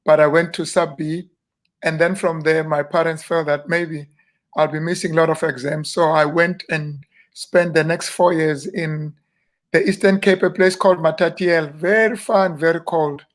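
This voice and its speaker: Speaking as an interview guest, a South African minister aged in his fifties recalls earlier times in a relaxed, wandering way. His slightly high voice holds a steady tone, and he frequently stalls on fillers before restarting sentences.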